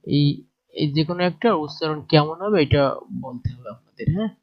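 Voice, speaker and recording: Man teaching from a textbook, slightly high. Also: expressive, brisk. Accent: Bangladeshi Bengali. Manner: plain explanatory talk with fillers and checking questions. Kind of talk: lesson, reading through a textbook. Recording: dull lo-fi recording.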